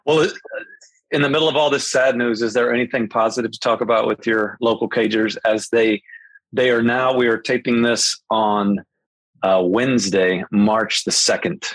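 A man's voice: medium pitch, fairly even intonation, normal speed, a bit bright, dry recording, poor audio. A man hosting a casual sports podcast, chatty and full of restarts. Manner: chatty, many restarts and fillers. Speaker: podcast host.

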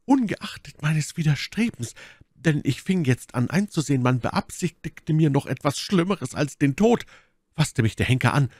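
A proud, scheming noblewoman, as a male reader puts her on speaks in a lifted, dramatic voice full of wide swings of pitch. She pleads and accuses with theatrical force. The audiobook sound is dry and close. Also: a little mellow, breathy edge, dry recording. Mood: anguished.

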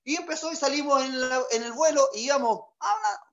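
A Chilean comedian with a Magallanes accent tells a stand-up story in a chatty way, full of crude slang and boastful jokes. His voice is extremely high, animated, fairly quick and fairly bright, with the high frequencies cut off.

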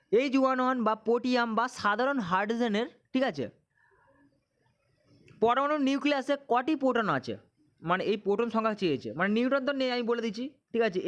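Man, teacher, very high pitch, question-and-answer drilling, exam-prep lesson. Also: a bit bright.

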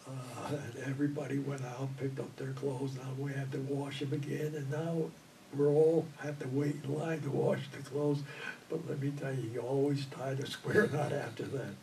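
An older man who served in the Navy rambles through his memories with chuckles during an oral history interview, his voice medium-pitched, a little mellow, flat in delivery and at normal speed. He sits in an indoor studio in front of a green backdrop, and the distant mic picks up audible room noise.

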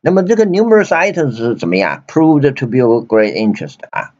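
Man, Chinese accent, lively pitch, grammar teacher, dull lo-fi sound. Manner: repetitive, many fillers and restarts, reads English slowly. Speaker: English teacher. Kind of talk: grammar lesson explaining sentences. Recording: dull lo-fi recording.

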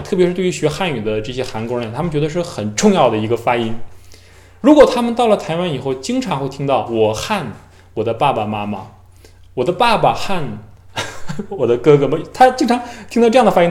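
Lively Chinese teacher man, echoey room. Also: fairly high pitch. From mainland China. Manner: lively, imitates students' careful tones and slow syllables. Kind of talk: casual talk to camera.

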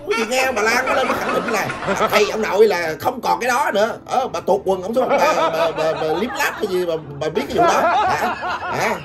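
An older woman giving taunting gossip commentary, laughing often and constantly addressing her viewers. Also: mid-range voice. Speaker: gossip vlogger. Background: background music.

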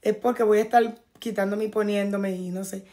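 A woman going hoarse, chatting casually to her viewers at home while unboxing and showing off clothes from a package. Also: mid-range voice, steady tone, fairly quick, dark tone. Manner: chatty, talks straight to viewers. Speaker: fashion vlogger. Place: at home, in a bathrobe.

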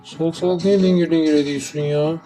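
Gamer guy, grumbly running commentary, slightly high voice, clear game music underneath. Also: fairly even intonation, quick pace, mellow, rough recording. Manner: grumbling, talks to the game and viewers, mutters oaths. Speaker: gameplay streamer. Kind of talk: casual gameplay commentary. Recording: game music playing behind.

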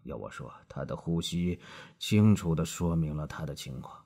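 A man's voice: very deep voice, expressive, moderate pace, warm tone, breathy edge, exaggerated voice. A man voicing a cold, contemptuous middle-aged doctor who speaks curtly and icily. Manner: curt, clipped and icy.

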